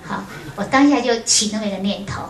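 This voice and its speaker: A Buddhist nun gives a storytelling lecture to an audience. She tells her story in a lively way and often uses short filler words. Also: medium pitch, fast. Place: lecture room at a foundation. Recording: roomy hall with faint ambience.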